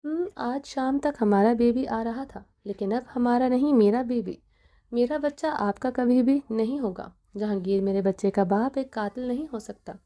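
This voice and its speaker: Hurt defiant young wife, emotional, audio novel, woman reading, highish voice. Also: mellow, close to an everyday voice. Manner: emotional, confrontational.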